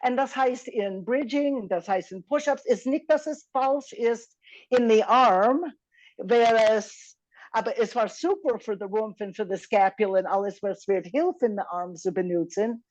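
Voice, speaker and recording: A woman therapist in a casual journal-club discussion, mixing English words into halting German. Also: fairly high pitch, a little mellow, no room sound, dull audio.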